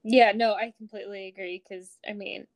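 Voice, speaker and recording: A woman guest on a podcast, a chiropractor, chatting casually in a relaxed way with many "like" fillers. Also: medium pitch, brisk. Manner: relaxed, heavy use of "like" fillers. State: postpartum mother.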